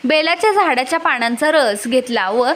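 A woman's voice: sits high, expressive, normal speed, a bit bright, slight background noise. A woman narrating a folk tale as a storyteller, reading steadily with small restarts.

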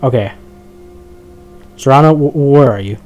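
A young man talks his viewers through a game in a loose, rambling way, cracking bad jokes and yelping when something startles him. His voice is mellow and soft-edged, pitched in an ordinary middle range for a man. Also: measured pace, highs cut off, faint music behind. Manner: chatty, jokey, talks to the viewers, easily startled. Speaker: gaming commentator. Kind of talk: casual let's play commentary.

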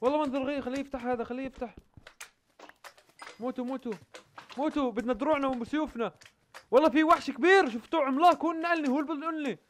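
A young man giving excited commentary over gameplay as a gaming YouTuber, repeating words and yelping whenever danger comes. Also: extremely high pitch, very fast, pauses often, slight background noise.

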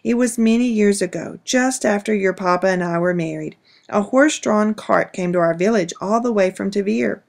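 A woman voicing a gentle storybook mother. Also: medium pitch, moderate pace, gravelly, natural voice. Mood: fond. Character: warm devoted mother telling family stories.

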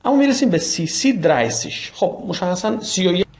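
A man teaching a language lesson, explaining quickly and then slowing down to spell out and repeat each word for his listeners. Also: high voice, expressive, creaky, darkish tone.

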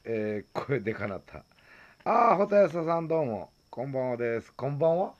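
A man's voice: medium pitch, animated, brisk, highs cut off. A man with a Kansai accent chatting loosely on a late-night phone live stream, greeting viewers and laughing often. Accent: Kansai Japanese.

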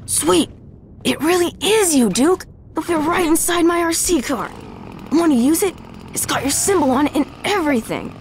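A woman voicing an excited, friendly young kid in a video game, talking casually and eagerly. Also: sits high, moderate pace. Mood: eager, awed. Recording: clear background noise, game ambience.

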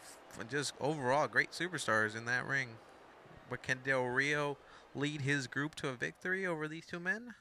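A young fan from Mexico calls the story of a wrestling video game in casual, rambling commentary, breaking off to fix his words and toss in side remarks. His voice is mid-range, very bright and sharp, moderately paced, with a faint hiss of noise.

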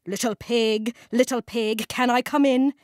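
Woman reading a storybook big bad wolf, blustery and menacing, drags out every threat slowly. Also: a little high, steady tone, dry recording, studio quality, natural voice.

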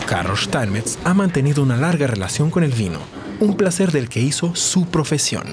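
A man's voice: a little high, very animated, normal speed, noisy background. A man reading scripted voice-over narration for a TV report.

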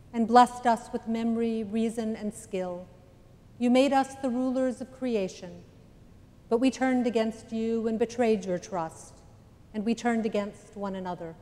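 A middle-aged woman priest leading a liturgical prayer at the altar, measured and solemn with deliberate pauses. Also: on the high side, fairly even intonation, a little mellow. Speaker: priest celebrant. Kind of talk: chanted-spoken liturgical prayer. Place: large stone church, indoors. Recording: long church reverb.

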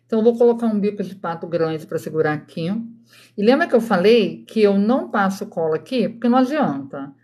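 A woman's voice: mid-range voice, expressive, a little fast, dark tone. Chatty Brazilian woman hosting a craft live. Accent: Brazilian Portuguese. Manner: chatty, addresses viewers directly, keeps voice down for sleeping kids. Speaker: craft live-stream host. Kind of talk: casual live-stream chat while crafting. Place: home at night.

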